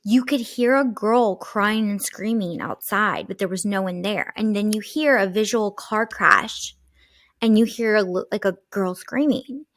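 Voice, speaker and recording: A woman's voice: mid-range voice, a little slow. A young woman co-hosting a podcast, telling a personal story in casual chat, full of "like" fillers. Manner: animated storytelling, lots of "like" fillers. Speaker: podcast co-host.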